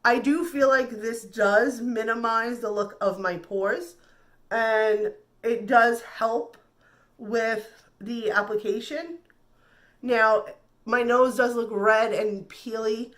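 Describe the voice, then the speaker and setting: A beauty vlogger on the mend from the flu walks viewers through her makeup in a casual, reassuring chat, repeating words. Her voice is on the high side, slightly nasal, steady, slow and a bit bright.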